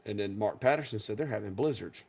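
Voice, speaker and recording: A man's voice: fairly low pitch, fast, creaky, darkish tone, slight background noise. A man co-hosting a live stream, talking casually in a rambling, folksy way. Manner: rambling, folksy, restarts and chuckles. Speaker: co-host.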